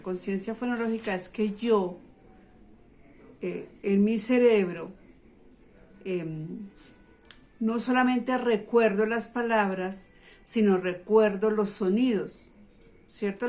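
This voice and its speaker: A woman's voice: mid-range voice, a little mellow. Patient woman teacher explaining to parents. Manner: patient, checks in with listeners often.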